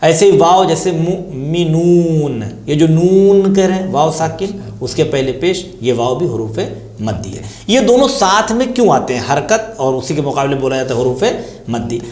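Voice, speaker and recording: Man with an Indian Urdu accent, slightly high voice, patient lesson explanation, repeats key terms, echoey room. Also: lively intonation, hardly any pauses, a little mellow. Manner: patient, repeats key terms, asks and answers own questions. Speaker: tajweed teacher.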